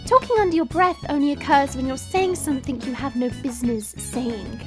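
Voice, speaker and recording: In an audio fantasy drama, a woman voices a proud, guarded dragon princess in human form, speaking formally and imperiously with a stern, commanding mood. Her natural-sounding voice is high and brisk, with faint music in the background.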